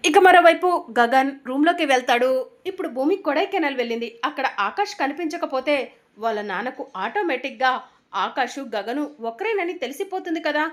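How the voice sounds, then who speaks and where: A woman host retelling a serial episode in a steady storytelling way. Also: sits high. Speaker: channel host recapping a serial. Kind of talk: storytelling plot recap.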